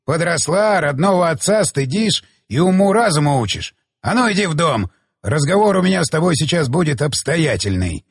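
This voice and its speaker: A man voicing a gruff, jealous middle-aged father who talks in crude, curt growls. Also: a little high, very animated, moderate pace, full character voice. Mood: scolding.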